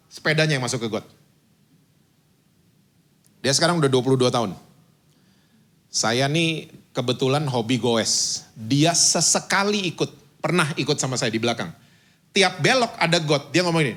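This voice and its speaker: Man, fifties, pastor, sermon, animated storyteller, fairly high voice. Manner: lively storytelling, mixes in English phrases. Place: church stage.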